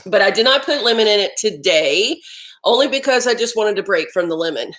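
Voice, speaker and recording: A woman's voice: mid-range voice, lively intonation, a little fast, fairly bright tone, a little hiss or hum, rough recording. Chatty woman hosting a live stream. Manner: chatty, talks while eating lunch. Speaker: health vlog host. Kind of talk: casual live-stream chat. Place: home.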